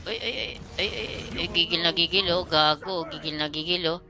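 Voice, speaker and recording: A woman streamer giving excitable, foul-mouthed live commentary on her own gameplay, trash-talking her opponents. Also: fairly low pitch, brisk, soft background music. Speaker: gaming streamer.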